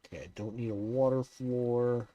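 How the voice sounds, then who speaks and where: A tired, yawning man giving relaxed, rambling commentary as he plays and builds in a video game. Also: mid-range voice, normal speed, dull audio. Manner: talks to himself while building, relaxed and rambling.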